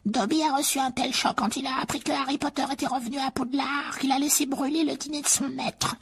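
A woman's voice: sits high, steady tone, a little fast. A woman voicing a timid, pleading male house-elf servant in a dramatized audiobook reading, fretful and anxious to please. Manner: pleading, fretful and self-punishing.

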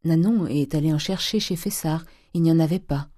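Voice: mid-range voice, brisk, warm tone, dry recording, clean studio sound, natural voice. A reader voicing a timid older mother.

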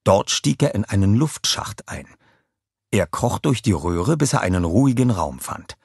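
A man reading a children's audiobook aloud with expressive storytelling narration. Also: on the low side, normal speed, creaky, slightly rough, no echo, studio quality.

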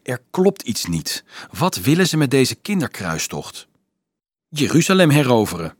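A man voicing a clever, doubtful teenage boy who talks quickly and earnestly, in a husky voice. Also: big pitch swings, no room sound, studio quality. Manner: quick, eager, sometimes shrill.

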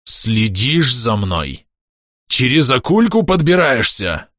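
A man reading an audiobook, voicing a brooding, violent man with a hoarse, growling voice. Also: medium pitch, very animated, slow, a bit bright, no echo, studio quality, voice pushed up. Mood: raging. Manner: menacing, growling.

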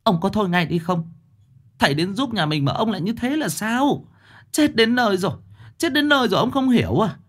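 A man voicing a frightened middle-aged woman in a ghost story, the chief's wife, begging in a high, trembling voice. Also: lively intonation, moderate pace, hardly any pauses, dark tone, slightly rough. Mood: shrill scolding.

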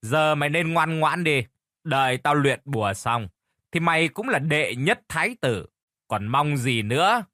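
A man's voice: a little high, lively intonation, unhurried, bright, forceful tone, dry recording, clean studio sound. Storybook: male narrator plays a cruel older landowner, domineering and scornful.

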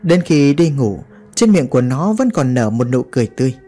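A man's voice: medium pitch, very animated, brisk, dark tone, soft background music. A man narrating a horror story in a dramatic, vivid way.

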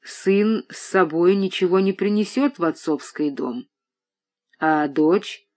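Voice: mid-range voice, slow pace, close to an everyday voice. A reader voicing a furious grey-haired old father. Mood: stern. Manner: outbursts of shouting and moaning. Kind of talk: audiobook reading.

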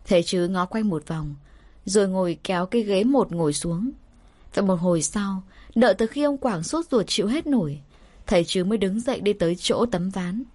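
A woman hosting her own channel, reading a folk ghost story aloud in a calm, measured narration. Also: mid-range voice. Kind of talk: scripted audiobook narration.

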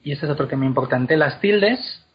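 A man explaining pronunciation in a casual, animated way, drawing words out slowly to demonstrate them. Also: a little high, breathy edge. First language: Spanish. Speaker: guest explaining Elvish pronunciation. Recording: dull lo-fi podcast recording.

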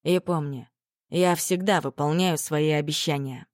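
A woman reading a calm, teasing male dark lord who speaks with quiet assurance, in a dry close recording. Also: sits low, unhurried, dry recording. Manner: teasing, gently smirking.

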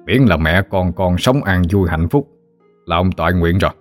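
A man voicing a kind old grandfather healer who speaks slowly and soothingly. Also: deep voice, expressive, soft background music. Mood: gentle.

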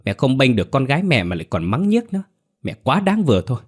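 A man's voice: medium pitch, sing-song, fast talker, pitched above the performer's own voice. A man voicing a hot-tempered young man who bluntly defends his sister. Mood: indignant. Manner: indignant, blunt, gruff.

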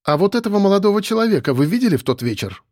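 A man's voice: high voice, big pitch swings, a little mellow, dry recording, studio quality, voice pushed up. Man voicing a stern woman police major. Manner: brisk, commanding, mocking.

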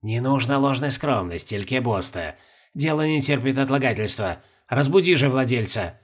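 A male narrator voicing a sharp-tongued, scheming old woman court servant who talks in a dry, needling way. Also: mid-range voice, lively intonation, normal speed, natural voice. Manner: dry, needling, quietly triumphant. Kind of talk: audiobook character voice.

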